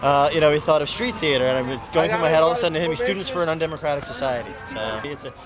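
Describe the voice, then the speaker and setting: A man's voice: a little high, rapid-fire. A young man, a student protester, chatting casually in a street interview. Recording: outdoor street with crowd.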